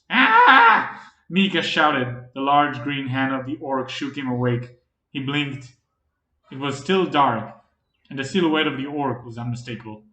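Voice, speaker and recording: A man reading fantasy audiobook narration in a dramatic, expressive way. The recording is roomy. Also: medium pitch. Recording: roomy echo.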